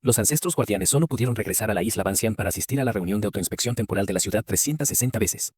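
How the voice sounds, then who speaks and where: Fast, husky male story narrator. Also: on the low side, animated, darkish tone.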